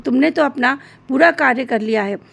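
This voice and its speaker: Sweet old granny in a storybook, soft and loving, high with a gravelly edge, woman doing it. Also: normal speed, full character voice. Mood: tender. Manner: soft, affectionate, coaxing. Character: gentle loving old grandmother.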